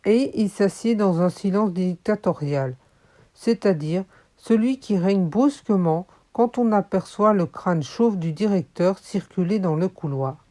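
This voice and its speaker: A woman narrating a children's audiobook in a calm, measured storytelling voice. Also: mid-range voice. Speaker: audiobook reader.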